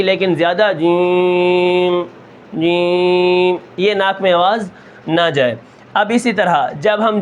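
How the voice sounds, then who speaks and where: High-voiced man teaching recitation. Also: a little hiss or hum. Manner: asks the class a question, then answers it himself; draws out sounds long and slow to show them. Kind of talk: step-by-step teaching with questions and answers.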